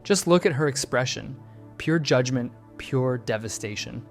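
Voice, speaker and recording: A man's voice: mid-range voice, expressive, unhurried, soft background music. A man hosting his channel, giving a scripted, analytical video-essay narration that keeps posing questions and answering them. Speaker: channel host breaking down a trailer.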